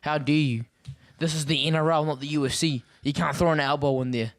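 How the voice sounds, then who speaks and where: A man's voice: fairly high pitch, steady tone, a little fast, no echo, studio quality. Casual male panellist, broad Kiwi accent, emphatic delivery, very little room sound. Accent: broad Christchurch New Zealand. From Christchurch, New Zealand. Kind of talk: casual chat.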